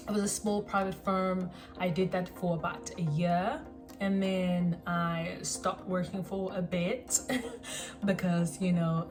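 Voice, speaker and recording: Recorded on her phone, a vlogger from South Africa in her twenties talks about herself to the camera in a fairly low-pitched voice. The self-introduction wanders and sounds self-conscious, peppered with pauses and ums.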